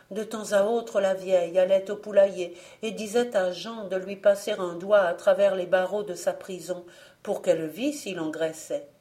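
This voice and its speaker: A woman reading a fairy tale aloud as an audiobook narrator, slow and expressive. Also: mid-range voice. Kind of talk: storybook reading.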